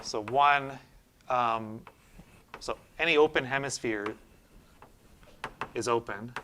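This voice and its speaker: A man teaching a university math class, talking it through informally as he goes. His voice sits in a middle pitch, and he restarts and checks in with the room often. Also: slow pace, bright, forceful tone, slight background noise. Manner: informal, thinking aloud with many fillers and restarts. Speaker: university lecturer. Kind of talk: casual classroom lecture. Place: lecture room.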